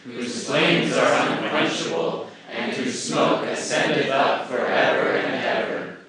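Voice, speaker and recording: Men reciting scripture as a chorus in unison, in a solemn group chant. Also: male voice, medium pitch, slow pace, over a noisy crowd. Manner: group chanting in unison, led by men's voices. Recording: echoey hall, distant group of voices.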